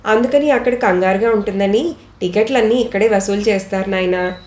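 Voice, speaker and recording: Woman doing a kind older passenger guy, slow n reassuring, echoey room. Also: medium pitch, darkish tone, lightly acted. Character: kindly older male fellow passenger, reassuring.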